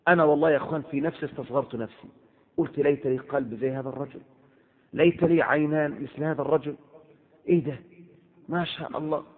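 A man preaching a sermon with an Egyptian Arabic accent, impassioned, switching between loud exclamations and hushed asides. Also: a little high, steady tone, fast, long pauses. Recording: tinny phone-like audio.

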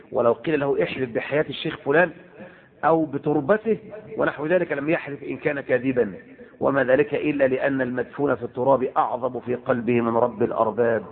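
A man preaching a sermon with an Egyptian Arabic accent, impassioned, switching between loud exclamations and hushed asides. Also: mid-range voice, creaky. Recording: tinny phone-like audio.

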